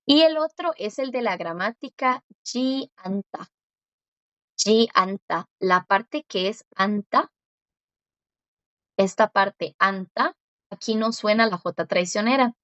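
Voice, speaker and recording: A woman's voice: medium pitch, lively intonation, a bit bright, no room sound, lo-fi sound. Patient woman teaching a language lesson. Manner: patient, explains step by step and repeats words slowly.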